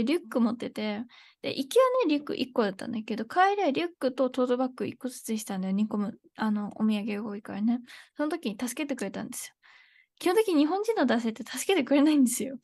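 A woman's voice: sits high, darkish tone, no room sound, clean studio sound. A young woman teaching Japanese in a casual live online lesson, chatty and thinking aloud, with frequent laughs.

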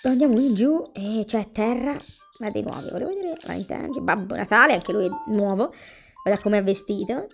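A female gameplay commentator casually chats with viewers and the characters in a life-sim game. Her medium-pitched voice is gravelly and expressive at a normal speed, with faint background music.

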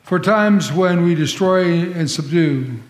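A man serving as pastor, leading the liturgy in a measured, solemn recitation, with a cathedral echo around his voice. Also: high-pitched. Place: large church sanctuary. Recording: echoey church sanctuary.

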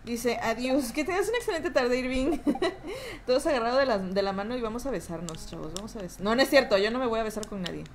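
Her voice runs on the high side with lively intonation, and she talks fast. This young Mexican-accented streamer chats with her audience during live gameplay, reading messages aloud, cursing, and laughing rowdily.

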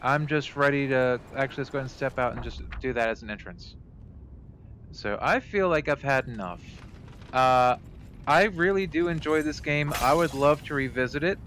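A man's voice: mid-range voice, moderate pace, a bit bright, a little hiss or hum. A man streaming a game, talking casually to viewers, thinking aloud and often correcting himself mid-sentence. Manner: swears casually, talks to viewers. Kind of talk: casual let's play commentary.

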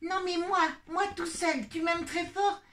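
Children's puppet show, vain boy teddy bear, played by a woman, squeaky, bragging, high-pitched, slow. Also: steady tone, a bit bright, exaggerated voice. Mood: boastful.

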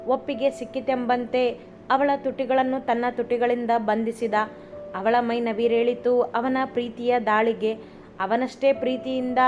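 A woman storyteller reading a romance story as scripted narration, in a steady, even manner. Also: on the high side. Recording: slightly dull recording, faint music.

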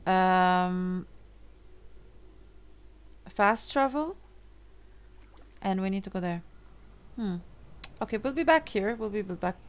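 A young Middle Eastern woman with an Arabic accent chats casually with her stream while playing, giving relaxed let's-play commentary over game music. Her medium-pitched voice is animated and clean, moving at a slow pace with long pauses.

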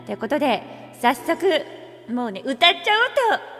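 A woman's high, fairly bright voice has a sing-song lilt and a moderate pace as she hosts a karaoke livestream as a virtual streamer. She chats casually in a regal, archaic manner and greets viewers one by one with playful warmth. Reverb is heavy, and music plays in the background.

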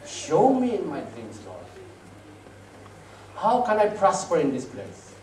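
A man's voice: fairly high pitch, huge pitch swings, slow pace, dark tone, exaggerated voice. A man voicing a retired man who became a humble village farmer, speaking earnestly. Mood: pleading. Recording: roomy, distant mic, faint noise.

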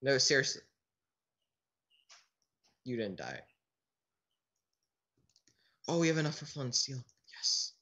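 A man's voice: mid-range voice, big pitch swings, slow pace, long pauses, sharp tone. A man giving casual let's play commentary, chatting in a restless way with a teammate who cannot be heard. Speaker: gaming channel host.

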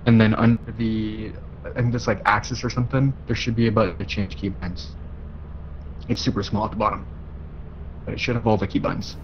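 A man's voice: fairly low pitch, fairly even intonation, brisk, pauses often, dull audio, a little hiss or hum. A man talking casually in a group voice chat while gaming, explaining game settings to a friend. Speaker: player.

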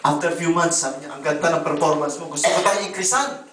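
A man preaching a sermon as pastor, telling testimonies in an animated way and calling listeners brother and sister. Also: fairly high pitch, quick pace. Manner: animated, voices quoted people, addresses congregation as brother and sister. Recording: echoey room, voice from a distance.

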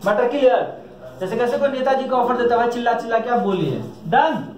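A man's voice: very high voice, brisk, a crowd in the background. A man teaching a classroom lesson in a joking way, often stopping to ask if the class has understood. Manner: jokey, asks checking questions. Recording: echoey classroom from a distance.

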